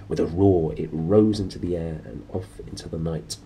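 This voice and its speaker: A man narrating a storybook in a lively way, with informal, playful asides to his listeners. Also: sits low, normal speed, slight background noise. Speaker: reader, host of a read-aloud series.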